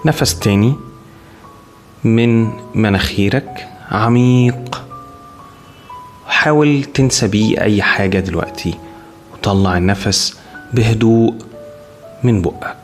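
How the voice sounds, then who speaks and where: Soothing low-voiced Egyptian male meditation guide. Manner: soothing, calm, unhurried instruction with long pauses. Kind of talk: guided body scan meditation. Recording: music behind the voice. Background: clear background music.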